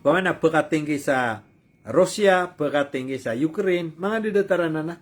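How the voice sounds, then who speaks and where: A man giving informal news commentary, talking loosely with fillers and self-corrections, and reading English quotes slowly. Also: a little high.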